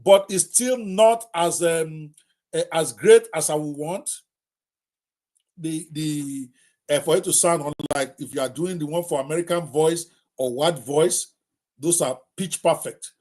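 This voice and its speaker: Middle-aged Nigerian male host, emphatic, repeats points, talks straight to viewers, pitched on the high side. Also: a little slow, darkish tone. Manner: emphatic, repetitive, direct address to viewers. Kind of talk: live talk on technology.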